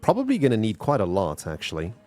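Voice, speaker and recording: Soft background music accompanies this lowish, slightly mellow male voice, which moves at a quick pace with huge pitch swings. He speaks with a South African accent, streaming a game and rambling casually as he addresses his chat.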